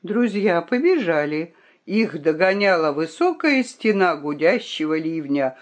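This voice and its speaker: A woman narrating a fairy tale with an expressive, melodic reading. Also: fairly low pitch, measured pace. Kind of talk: storybook audiobook narration.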